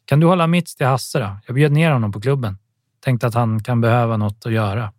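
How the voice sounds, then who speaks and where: A man reading an audiobook, voicing an energetic, encouraging boxing coach. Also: medium pitch, no room sound, studio quality, natural voice. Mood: upbeat. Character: upbeat male boxing coach.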